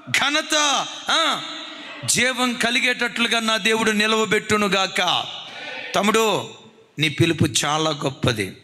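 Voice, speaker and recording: A man's voice: high voice, sharp tone, long reverb tail. A man preaching a sermon with passion, acting out the voices in his stories. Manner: impassioned storytelling, acting out quoted voices.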